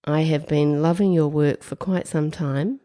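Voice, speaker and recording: A New woman in her fifties hosting a podcast interview, talking in a chatty way with a croaky voice. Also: low-pitched, fairly even intonation, measured pace, warm tone. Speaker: podcast host. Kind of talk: casual interview chat.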